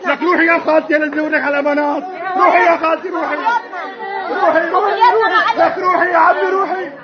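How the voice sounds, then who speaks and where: A man with a Syrian Arabic accent, shouting urgent repeated commands to people around him. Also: very high-pitched, flat delivery, racing, heavy background noise. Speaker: man freeing detainees. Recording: lo-fi phone video amid loud crowd.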